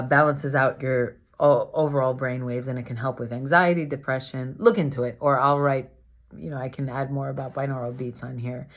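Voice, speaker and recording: Low-voiced woman telling a personal story. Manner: animated, confessional, acts out quoted speech. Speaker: vlogger sharing her healing story. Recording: slightly dull lo-fi sound.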